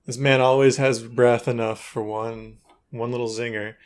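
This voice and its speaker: A man's voice: mid-range voice, flat delivery, moderate pace, smooth. Playful man hosting a gaming podcast. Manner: jokey, laughs easily, playful intros. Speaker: podcast host. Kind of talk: casual gaming podcast chat.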